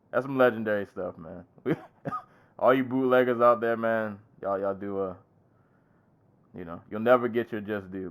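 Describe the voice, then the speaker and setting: A man co-hosting a podcast in casual chat. He talks in a laid-back way and laughs often. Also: fairly low pitch. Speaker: podcast co-host.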